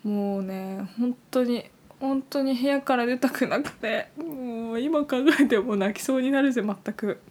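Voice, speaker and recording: Young female student host, higher-pitched voice, chatty radio-show delivery. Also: a little slow, a little mellow. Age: young adult, university student. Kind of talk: casual chat with scripted greetings.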